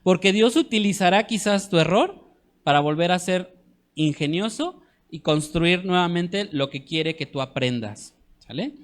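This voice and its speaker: A man with a high-pitched, expressive voice teaches a church discipleship class in an earnest way. He often checks in with his listeners and slows down to stress scripture.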